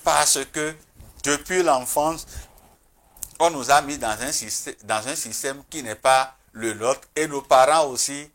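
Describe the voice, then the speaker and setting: A medium-pitched, fairly bright voice belongs to a traditional spiritual figure guesting on a TV talk show. He speaks with earnest emphasis, often pausing and starting his sentences over.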